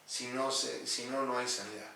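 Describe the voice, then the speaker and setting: A man's voice: medium pitch, fairly even intonation, normal speed, gravelly, bright, forceful tone. A man, a pastor, teaching a Bible study in an earnest, explanatory way, repeating his key points. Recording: echoey room, distant mic, faint noise.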